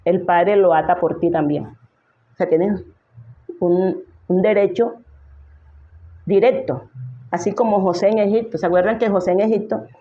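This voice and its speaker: A woman's voice: mid-range voice, fairly even intonation, a little slow, long pauses, highs cut off. A woman pastor preaching a sermon emphatically, speaking directly to her listeners and asking them rhetorical questions.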